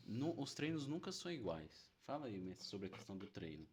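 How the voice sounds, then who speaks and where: A man's voice: fairly low pitch, big pitch swings, brisk, a little hiss or hum. A man with a Brazilian Portuguese accent hosting a podcast, chatting and prompting his guest. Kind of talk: casual interview chat.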